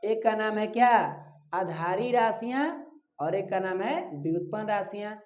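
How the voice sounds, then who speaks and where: A man's voice: high-pitched, expressive, normal speed, a little mellow. A male physics teacher, giving a classroom-style lecture and asking questions he then answers himself while repeating key terms. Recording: echoey room, dull lo-fi sound.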